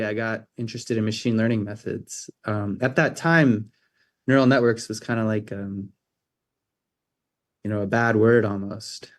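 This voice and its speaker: Low, flat-voiced hesitant man. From California. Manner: hesitant, many ums and restarts. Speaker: interview guest, optics researcher. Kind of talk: casual interview answers.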